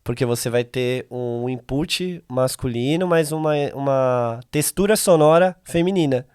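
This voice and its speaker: A man's voice: mid-range voice, a little slow, a little mellow, smooth, dry recording, clean studio sound. A Brazilian man speaking as a podcast guest, explaining things in a conversational way with practical examples. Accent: Brazilian Portuguese. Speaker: podcast guest, voice company CEO. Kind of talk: conversational interview.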